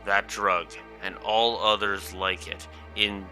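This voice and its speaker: A man reading the lines of a serious adult male former soldier in a steady, measured way. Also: lowish voice, faint music behind, heavily acted. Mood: grave.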